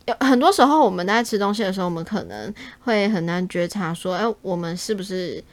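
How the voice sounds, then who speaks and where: A woman's voice: mid-range voice, brisk. A woman with a Taiwanese Mandarin accent, chatting casually as a podcast co-host. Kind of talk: casual chat.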